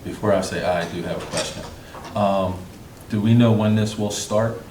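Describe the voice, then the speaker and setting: A man chairing a municipal council meeting, calling for motions and votes in a brisk, procedural way. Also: on the low side, a little mellow. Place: council board room. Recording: echoey room, far mic, noisy.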